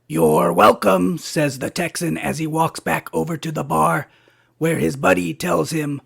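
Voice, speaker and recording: A man's voice: on the high side, fairly bright tone, full character voice. A man voicing a scruffy cartoon bat who hosts a late-night comedy show, delivering jokes in a punchy way and switching voices between the characters in them. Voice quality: gravelly, husky. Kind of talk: cartoon stand-up joke telling.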